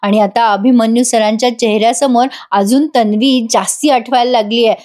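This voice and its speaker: A woman's voice: fairly high pitch, fairly even intonation, fairly quick, a little mellow. A woman giving a chatty voice-over review of a TV serial episode, laughing often and speaking directly to her viewers.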